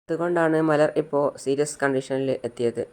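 A man voicing a composed hospital doctor who explains things in a measured, reassuring way. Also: on the high side, darkish tone, clean tone, lightly acted. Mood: explaining.

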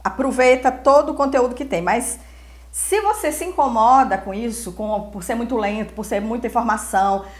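A woman's voice: a little high, normal speed. A woman in her forties hosting a cooking show in a home kitchen, teaching step by step in a patient, repetitive way.

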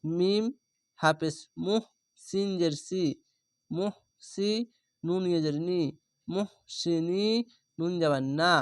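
A man's voice: high-pitched, steady tone, clean tone, dry recording, clean studio sound. A man teaching Quran reading, patiently spelling out each syllable letter by letter and explaining the rules as he goes. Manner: spells out syllables slowly and methodically.

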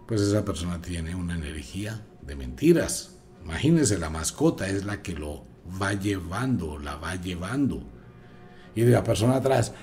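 Emphatic man lecturing. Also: on the low side. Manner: emphatic, preachy, swings between loud and hushed. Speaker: radio host, magic teacher. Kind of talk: lecturing radio talk.

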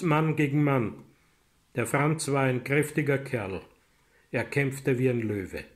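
Male author from Austria reading his own story; slow, deliberate and dramatic. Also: medium pitch. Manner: measured and dramatic, rising in loud passages. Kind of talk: literary reading.

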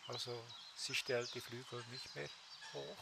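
Slow-talking man narrating a nature documentary. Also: mid-range voice, level tone, creaky, very noisy. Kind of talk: unscripted nature documentary commentary. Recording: music behind the voice. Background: music.

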